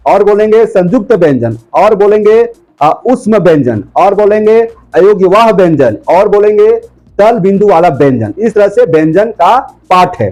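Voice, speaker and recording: A man teaching a grammar lesson, asking his viewers questions and answering them himself, slowing down to dictate notes. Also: high-pitched, warm tone, poor audio. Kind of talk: classroom lesson.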